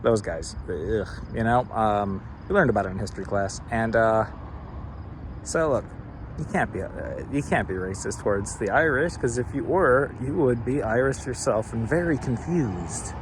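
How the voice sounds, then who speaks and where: A man's voice: medium pitch, normal speed, background noise. A man doing profane, rambling stand-up comedy.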